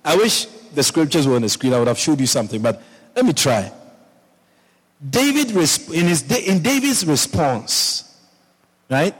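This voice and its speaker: A man preaching from the pulpit, his voice pitched a little high. He keeps turning to the congregation with quick questions, and the church hall adds a long trailing reverb to his voice. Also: sing-song, slightly rough. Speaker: pastor. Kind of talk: sermon.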